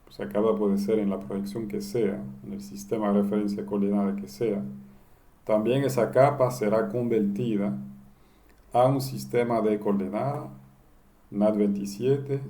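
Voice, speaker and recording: A man giving a step-by-step software lesson, posing questions and answering them himself. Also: fairly low pitch, fairly even intonation, a little slow. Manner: explains step by step, asking and answering his own questions. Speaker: instructor. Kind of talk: screen-recorded software tutorial.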